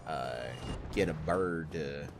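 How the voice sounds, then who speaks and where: A man's voice: very deep voice, slow, heavy background noise. A man giving casual gameplay commentary, rambling, joking and swearing freely. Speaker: let's play host.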